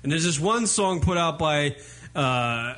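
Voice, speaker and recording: Male radio co-host, higher voice, profane, argues every point, loose crude banter. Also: animated, a little slow, fairly bright tone. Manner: argumentative, profane, insistent.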